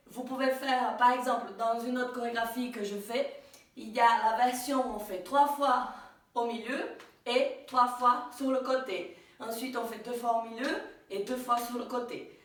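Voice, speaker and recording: A young woman teaching a dance step, patiently counting out the beats. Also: a little high. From Brazil. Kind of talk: dance tutorial. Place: dance studio. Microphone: far camera mic. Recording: echoey room from far off.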